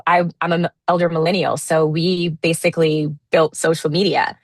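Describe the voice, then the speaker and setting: A low-voiced woman in her thirties is the guest in a casual interview, reflecting aloud and often restarting sentences with fillers. Her delivery is flat at a normal speed, and the recording is dry and close.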